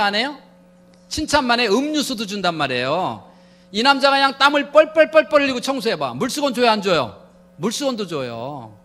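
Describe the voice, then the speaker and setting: Animated, high-pitched man lecturing humorously. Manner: animated, playful, acts out quotes.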